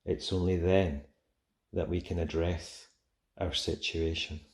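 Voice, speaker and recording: A man guiding a relaxation meditation in a soft, soothing, gentle manner with long pauses. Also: low voice, level tone, vocal fry. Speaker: meditation guide. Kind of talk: guided relaxation meditation, soothing scripted narration.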